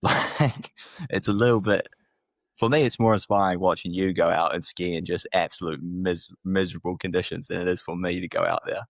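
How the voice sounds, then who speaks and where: A man's voice: deep voice, steady tone, brisk, vocal fry, no room sound. A young man from New Zealand with a New Zealand accent, a podcast guest telling laid-back stories, swearing and laughing often. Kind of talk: casual chat.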